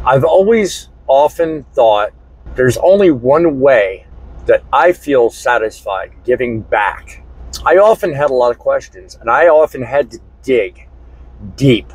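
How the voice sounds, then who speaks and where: A middle-aged truck driver and vlogger speaks to the camera earnestly and reflectively, choosing his words deliberately, in a husky mid-range voice. He talks casually from inside his truck cab and also outdoors in a parking lot, using a small lapel mic. The recording is rough with no room sound.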